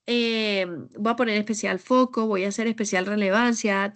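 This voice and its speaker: A woman's voice: mid-range voice, vocal fry, fairly bright tone. A woman communication coach, giving an online training lecture in a thoughtful way, with fillers and restarts.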